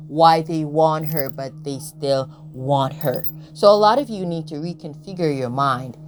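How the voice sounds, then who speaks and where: A woman's voice: deep voice, unhurried, darkish tone, a little hiss or hum. A woman giving a blunt, emphatic spiritual commentary, swearing freely and often checking in with "Okay?". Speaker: tarot and astrology content creator. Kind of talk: casual spiritual commentary monologue.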